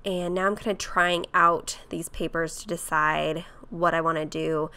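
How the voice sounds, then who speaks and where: Hoarse woman narrating a craft tutorial. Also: low-pitched, steady tone, measured pace. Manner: chatty, with fillers and soft laughs. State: hoarse from a cold. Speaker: craft vlogger. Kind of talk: casual voice-over tutorial.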